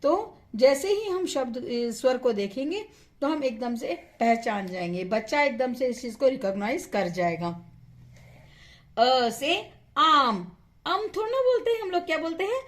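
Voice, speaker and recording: Woman teacher, high, lively voice, slow and patient, asks then answers. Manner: stretches vowels to model pronunciation. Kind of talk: instructional lesson.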